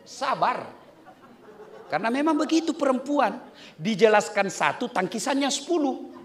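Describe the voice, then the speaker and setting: A middle-aged man preaches a humorous sermon in a high, bright voice. His pitch leaps all over as he jokes with the congregation. He swings between loud bursts and quiet asides. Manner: animated, playful, swings between loud and soft.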